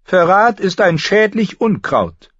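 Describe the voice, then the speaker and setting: A man's voice: high-pitched, sing-song, slow pace, dry recording, pitched above the performer's own voice, exaggerated voice. A man voicing a pompous elderly grand maester who speaks in a solemn, intoning way, in a slightly muffled audiobook recording.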